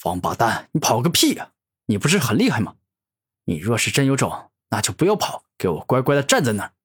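Man doing a deep growling monster villain. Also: big pitch swings, brisk, slightly rough. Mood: furious. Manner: growling angry threats. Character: arrogant furious male monster warlord.

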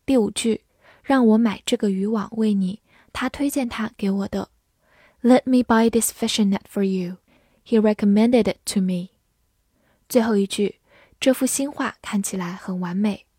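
A woman teaching an English vocabulary lesson, reading each word slowly and carefully, then explaining it. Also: mid-range voice, mellow, husky, no room sound, clean studio sound.

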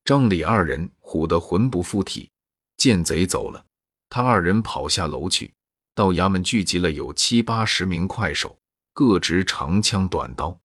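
A man reading a classical Chinese novel aloud in a steady, even storytelling manner. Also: sits low, unhurried, slightly rough, dry recording, studio quality.

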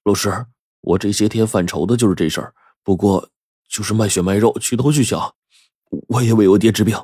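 A man's voice: lowish voice, brisk, darkish tone, husky, dry recording, studio quality, voice pushed up. A man voicing a determined teenage son from a village, earnest and devoted to his sick father.

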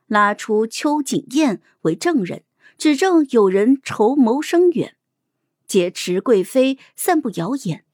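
A woman hosting and narrating an audiobook, telling the story in an animated, expressive way. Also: high-pitched, no room sound, studio quality.

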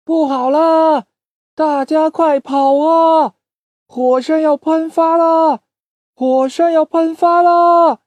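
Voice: mid-range voice, lively intonation, takes it slowly, mellow, no echo, highs cut off. A storyteller voicing an eager young boy chick in a children's story. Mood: shouting. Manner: eager, earnest.

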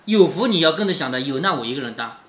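A man's voice: on the high side, expressive, fast talker. A man reading a classic novel aloud and explaining it in a chatty way, often checking in with the listener. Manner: chatty, keeps asking "right?". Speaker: book reader and commentator.

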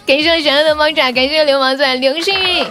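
A young woman from Sichuan, China, chats casually with her livestream viewers in a high, bright voice, talking fast. Playful and giggly, she lets out yelps and shrieks mid-game while faint music plays softly in the background.

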